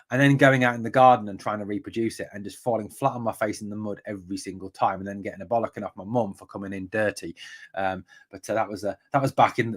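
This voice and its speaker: An English man in his forties from the northeast, hosting a live football podcast from home in a chatty, rambling way full of fillers and tangents. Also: lowish voice. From northeast England. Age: 40s. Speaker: podcast host. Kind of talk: live-stream football chat. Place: room at home.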